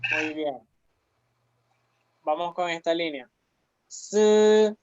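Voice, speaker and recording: Slow, patient language teacher on muffled audio. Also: mid-range voice, steady tone, no echo. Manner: patient, repeats each syllable several times. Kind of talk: classroom pronunciation drill.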